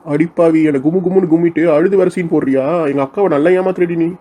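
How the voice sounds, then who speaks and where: Insolent, quick-mouthed younger sister, mocking and combative, a man plays her. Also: on the high side, warm tone, lightly acted. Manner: mocking, insolent, picks fights. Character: sharp-tongued cheeky young woman, the younger sister. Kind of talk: comic village skit acting.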